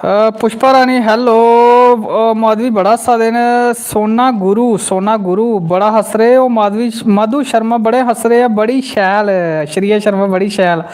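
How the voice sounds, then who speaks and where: This comedy channel host, a Jammu man with a Dogri accent, has a high voice and talks a little slowly with hardly any pauses. He tells a comic story on a live stream, reads viewer comments aloud, and slips animatedly into quoted voices.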